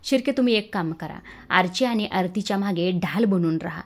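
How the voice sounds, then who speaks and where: A woman's voice: mid-range voice, brisk, close to an everyday voice. Woman reading a firm household patriarch. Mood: commanding. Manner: firm and commanding. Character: worried, commanding head of the household, man.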